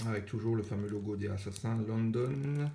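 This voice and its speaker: A man's voice: medium pitch, moderate pace. Chatty Alsatian man in an echoey room. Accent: Alsatian French. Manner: chatty, casual, with frequent fillers and self-corrections. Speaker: unboxing video host. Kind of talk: casual unboxing commentary. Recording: echoey room with faint noise.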